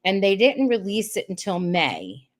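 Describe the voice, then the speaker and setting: A woman's voice: medium pitch, wildly swooping pitch, measured pace. A woman hosting a casual live-stream chat over a video call, talking in a rambling way with many restarts. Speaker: host.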